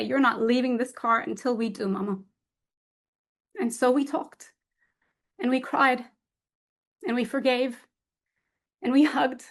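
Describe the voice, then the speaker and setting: A woman in her thirties telling a personal story as a heartfelt competition speech, with dramatic pauses. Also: fairly high pitch. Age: 30s. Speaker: public speaker.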